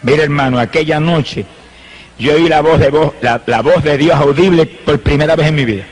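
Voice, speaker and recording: A man's voice: a little high, normal speed, breathy edge, poor audio. A man from Rico, an evangelist giving a fervent sermon testimony and breaking into praises. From Puerto Rico.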